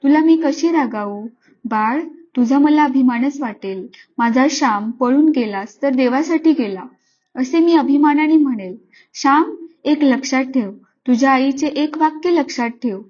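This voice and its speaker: A tender mother speaks in soft, reassuring tones, gently guiding her son, voiced by a woman reading the story. Her voice sits high. The recording sounds a little dull and lo-fi. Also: measured pace. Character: tender, loving middle-aged mother comforting her son.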